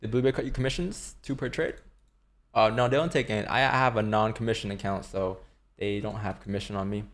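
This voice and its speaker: This man in his twenties day-trades on a livestream, chatting casually and taking questions from chat with a laid-back attitude and the occasional curse. His voice is lowish and steady in tone, and he talks a little fast.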